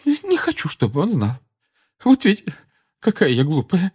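A man's voice: a little slow, a little mellow. A man doing a sobbing, frantic mother witch. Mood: tearful. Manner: high, shaky, pleading. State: crying. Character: distraught sobbing middle-aged mother witch. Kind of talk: audiobook character voice.

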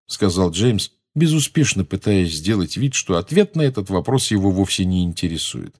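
A man narrating an audiobook in an even storytelling manner. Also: low-pitched, moderate pace. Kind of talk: audiobook reading.

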